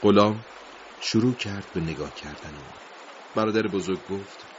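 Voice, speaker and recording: A man's voice: lowish voice, a little hiss or hum. A man narrating a dramatic story in a grave, emotive voice, in a dull lo-fi recording.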